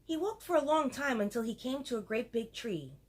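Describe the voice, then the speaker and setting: A woman's voice: on the high side, lively intonation, a little fast, husky. A woman reading a picture book aloud to children and adding chatty asides to her listeners. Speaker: storyteller for children.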